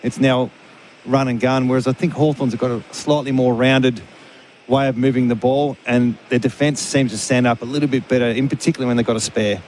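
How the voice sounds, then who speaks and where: A man with a medium-pitched voice gives conversational match analysis. He repeats words as he works out his point, over faint ambient noise. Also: fairly even intonation, a little fast, a little mellow, low-quality recording. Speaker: sports analyst.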